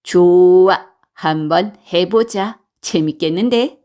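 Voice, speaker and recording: A woman's voice: lowish voice, takes it slowly, pitched below the performer's own voice. A woman voicing a pair of mischievous storybook goblins who chat eagerly and plot together. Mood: playful. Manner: chatty, excited, conspiratorial.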